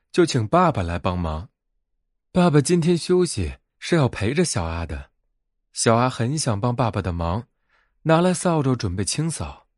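A man narrating a soothing bedtime story in a gentle, unhurried way. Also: medium pitch, no room sound, clean studio sound.

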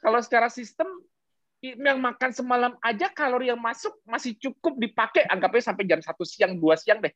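A speaker explaining health science in casual podcast talk, animated, posing rhetorical questions and mixing in English terms. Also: mid-range voice, fairly quick, dry recording, muffled recording.

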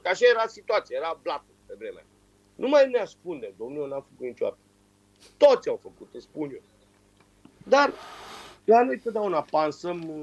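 A man's voice: on the high side, breathy edge. A man calling in as a football pundit, ranting in heated sports talk, his nose stuffed up from a cold, over a muffled phone line. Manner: animated, ranting.

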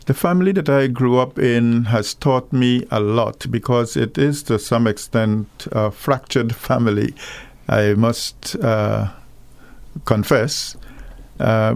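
A middle-aged man from Guyana with a Guyanese accent, speaking as a guest minister on a radio call-in program, earnest and measured. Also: medium pitch, gravelly, darkish tone, clean tone, no echo. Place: radio studio.

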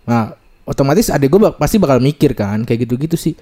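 A young man talking in a relaxed, slangy way in a casual group chat, giving advice. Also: medium pitch, fast.

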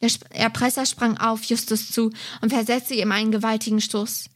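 A woman reading a detective story aloud in a steady, measured way. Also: on the high side. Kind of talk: reading a novel excerpt aloud.

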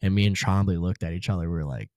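A man's voice: sits low, very fast, darkish tone, no echo. A man guest on a podcast, telling a personal story in a casual, laid-back way, full of slang like "dude" and "bro".

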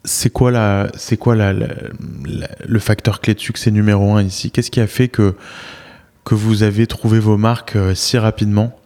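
Man interviewing, fairly low voice. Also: flat delivery, moderate pace, darkish tone. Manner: informal, repeats himself. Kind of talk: business interview.

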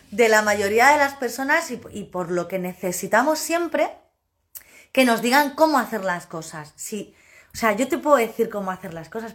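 A woman runs a relaxed live stream as a personal development coach, speaking loudly and with emphasis and laughing a lot. Her voice sits slightly high.

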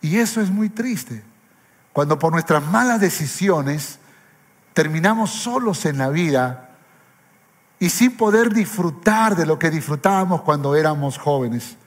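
A man's voice: on the high side, expressive, a little slow. A man pastor preaching an impassioned sermon, fervent, repeating phrases for emphasis. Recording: reverberant hall with faint music.

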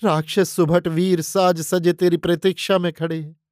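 A man's voice: sits high, level tone, moderate pace, darkish tone, no room sound, clean studio sound, lightly acted. A man voicing a grieving demon uncle who weeps and laments over his dead nephew, in a dramatic audiobook reading. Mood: weeping lament. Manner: wailing, lamenting.

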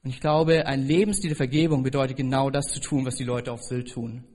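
A man preaching a sermon as pastor, telling a personal story and rising to loud, emphatic peaks. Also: medium pitch, steady tone, fairly quick.

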